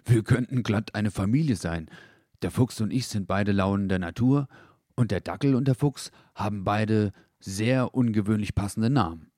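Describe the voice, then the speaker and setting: Man voicing a big gentle friendly dog. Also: fairly low pitch, normal speed, no echo, studio quality, close to an everyday voice. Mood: kind. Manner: gentle and reassuring.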